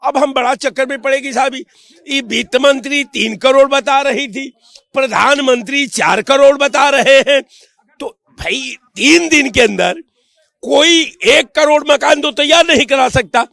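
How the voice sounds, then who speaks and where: Passerby for a street vox pop: a man with a very high, gravelly voice who argues hotly, pushes rhetorical questions and bursts into shouts. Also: measured pace, dry recording. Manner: heated, rhetorical, raises voice in bursts. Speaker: member of the public.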